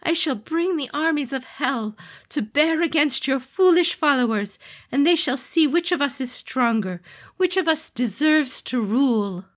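A jealous fallen male demigod , acted by a woman, hurls shouted accusations at his kin. The voice climbs high and rings loud and harsh. It is a villain in a spoken storybook. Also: animated, unhurried. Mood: menacing.

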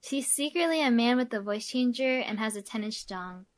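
A woman co-hosting a casual chat, teasing and joking in a deadpan way. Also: a little high, moderate pace. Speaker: co-host.

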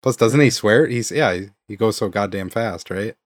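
An easygoing man chatting casually and laughing along. His voice sits low. The sound is dry and close. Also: moderate pace, no echo. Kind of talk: casual chat.

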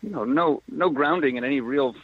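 A man's voice: medium pitch, normal speed, slightly rough, no room sound. A man, an actor who is a guest on the show, chatting animatedly in a casual interview, often laughing and acting out quoted exchanges. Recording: tinny phone-line remote audio, dry.

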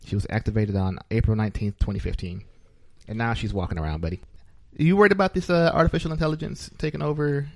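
A man's voice: on the low side, expressive, quick pace, no echo. A man hosting a podcast in a small studio, chatting casually, joking and laughing often. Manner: jokey, laughs often, loose filler-heavy talk. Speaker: podcast host.

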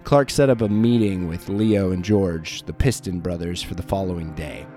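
A man with a fairly low voice narrates the recap of a tabletop game session from a script. He tells it dry and matter-of-fact, with the odd casual swear, over steady background music. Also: moderate pace.

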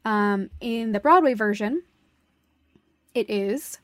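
A woman co-hosts a casual, opinionated podcast about a stage musical, offering emphatic, analytical criticism and swearing casually. Her voice is a little high with a fairly bright tone, and she takes her time. The recording is studio quality with no room sound.

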